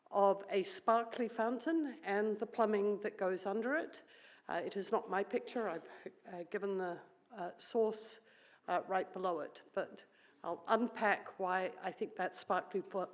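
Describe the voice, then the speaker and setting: Delivering a conference keynote, a middle-aged woman with a mid-range voice thinks aloud in a wry, conversational style, using plenty of fillers. She grew up in New Zealand, though Swedish is her first language.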